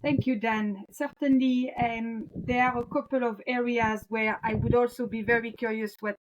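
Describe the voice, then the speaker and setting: A woman food scientist answering interview questions in a measured, thoughtful manner, pausing often with "um" and "uh". Her voice is somewhat higher than average for a woman. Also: steady tone, muffled recording, a little hiss or hum. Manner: measured and thoughtful, with frequent pauses. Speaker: podcast guest, food scientist. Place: Europe.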